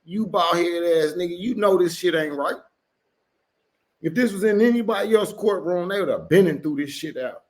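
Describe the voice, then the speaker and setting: A man's voice: high voice, moderate pace. Blunt, profane man reacting to a clip. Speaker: reaction commentator. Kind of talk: casual reaction commentary.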